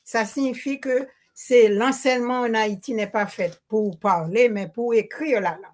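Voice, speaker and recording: A woman's voice: fairly high pitch, normal speed. An older woman from Haiti with a Haitian accent, speaking into a handheld microphone at a public Q&A, hesitant, restarting often and mixing Creole words into her French. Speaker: audience member asking a question. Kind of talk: spontaneous remarks at a public Q&A.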